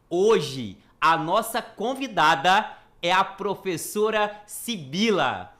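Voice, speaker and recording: Host: man with a bright, high voice, slow and formal when presenting guests. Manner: formal, unhurried introductions. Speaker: podcast host. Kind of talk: podcast host introduction and interview.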